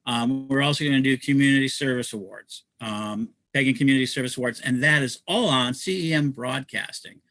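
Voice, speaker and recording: Barely pausing and talking a little fast, a man with a medium-pitched, fairly bright voice hosts a livestream promoting community projects. He's enthusiastic and rambling, with lots of restarts, in a dry recording.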